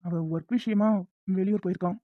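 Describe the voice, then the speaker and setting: A woman's voice: mid-range voice, fairly even intonation, brisk, no room sound, natural voice. A woman voicing a caring, protective husband who talks in a soothing, firm way, on a dull lo-fi recording. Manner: soothing, then curt and evasive. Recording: dull lo-fi sound.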